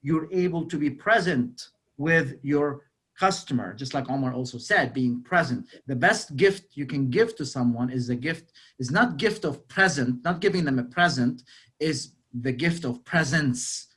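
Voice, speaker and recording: A man's voice: mid-range voice, animated, unhurried, fairly bright tone, husky. A man, giving an interactive motivational sales talk over a video call and quizzing his audience, with lots of "you know". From Lebanon. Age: 40s. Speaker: real estate sales speaker.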